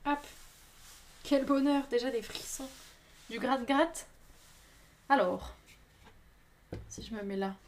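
A woman with a high voice chats to her viewers as she works at her pottery. She talks in a lively, excitable way and apologizes often. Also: slight background noise. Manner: chatty, excitable, quick to apologize. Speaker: potter streaming live. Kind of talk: casual live-stream chat.

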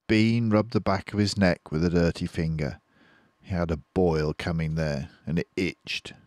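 An older man reading a children's book aloud as storyteller, unhurried and expressive. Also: sits low, no echo, clean studio sound.

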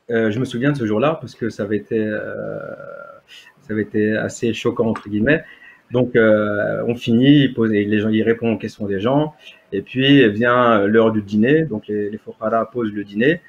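On a video call from his home, a man in his thirties whose first language is Berber shares his story as an interview guest, with many fillers, hesitations and restarts. His voice sits on the low side and is slightly rough, captured by a webcam in dull, lo-fi quality.

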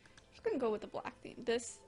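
A woman with the hiccups, chatting excitedly and giggling as she plays a game at her desk microphone. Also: a little high, fast, soft background music. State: has the hiccups. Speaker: gaming channel host. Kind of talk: casual let's-play commentary. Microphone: desk microphone, leaning in close.

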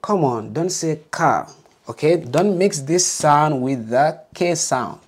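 A man's voice: a little high, expressive, measured pace, a little mellow, breathy edge. A man teaching a beginner alphabet lesson, patiently modeling letter sounds and encouraging learners to repeat.

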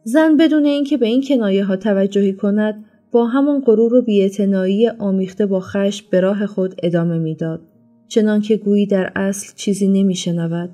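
A woman reads a novel aloud in a steady, even manner. Her voice is dark and mellow, and soft instrumental music plays faintly beneath the narration. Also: medium pitch. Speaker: storyteller. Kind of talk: audiobook narration.

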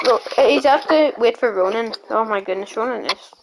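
A woman streaming a game, chattering excitedly and shouting eagerly at her teammates. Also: fairly high pitch, normal speed, background noise.

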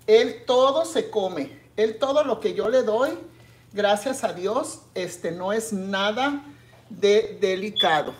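A middle-aged woman, chatting casually with her viewers as she cooks in her home kitchen, often drifting into soft asides. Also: medium pitch, lively intonation, slow, slight background noise. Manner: chatty, addresses viewers as friends, often trails into quiet asides. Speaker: cooking channel host. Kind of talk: casual cooking vlog chat. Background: food sizzling in a pan.

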